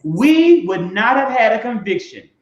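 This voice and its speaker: A man's voice: high voice, very animated, measured pace. A man from Mississippi, co-hosting a casual discussion in an emphatic, preacherly cadence. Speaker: podcast co-host. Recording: roomy, dull lo-fi sound.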